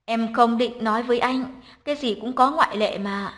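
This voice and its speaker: A woman reading the lines of a decisive, strong-willed young woman who speaks gently when comforting a child. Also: a little high, normal speed, natural voice. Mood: steady.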